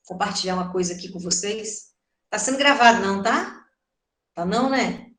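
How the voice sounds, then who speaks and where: A middle-aged woman with a Brazilian Portuguese accent gives a doctrinal lecture at a spiritist center in a mid-range, fairly bright voice at a moderate pace. She speaks conversationally and keeps asking the audience rhetorical questions. The hall adds a roomy echo.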